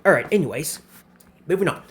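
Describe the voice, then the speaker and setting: This is a male channel host in his 20s running a laid-back question-and-answer vlog, prone to repetition and restarting what he says. He speaks on the high side, animated and a little fast.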